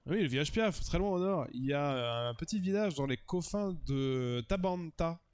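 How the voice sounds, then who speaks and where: A man voicing a worried young bird-folk traveler, reading slowly and hesitantly. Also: fairly high pitch, animated, darkish tone, smooth, close to an everyday voice.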